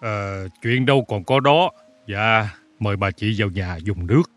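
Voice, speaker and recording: Story character: a man doing a gentle old father, bright tone, soft music under. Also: medium pitch, lively intonation, normal speed. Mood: placating. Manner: gentle, courteous, pleading. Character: older rural father, mild and worried. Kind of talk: audiobook story reading.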